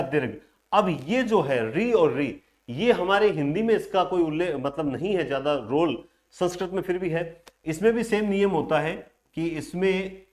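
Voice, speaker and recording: A man teaching a grammar class online, explaining step by step and answering his own questions aloud. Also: fairly high pitch.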